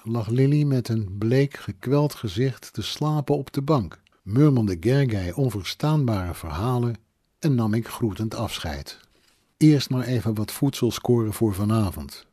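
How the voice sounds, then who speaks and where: A male audiobook narrator reading a first-person story in a measured, plain storytelling manner. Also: mid-range voice, dark tone, no echo, clean studio sound.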